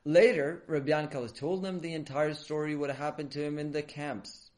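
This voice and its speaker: A man narrates a dramatic tale for children with lively, expressive delivery. His voice sits a little higher than most men's, and he rises and drops for suspense. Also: normal speed. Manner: animated, expressive. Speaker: storyteller for children.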